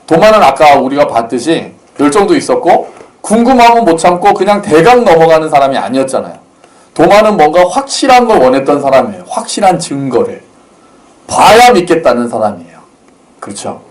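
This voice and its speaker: A man's voice: fairly high pitch, sing-song, fairly quick. A male pastor giving a conversational sermon, telling the story casually and acting out the quotes with light humor.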